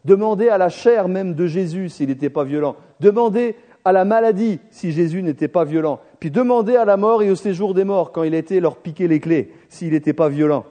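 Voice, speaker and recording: High-voiced, animated male preacher. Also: brisk, hardly any pauses. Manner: animated storytelling, addresses the congregation directly; acts out the people in the story with shifting voices. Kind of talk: sermon.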